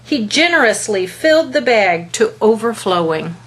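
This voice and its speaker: A woman with a slightly high voice reads a children's picture book aloud in a deliberate, expressive storytelling manner. The audio quality is poor.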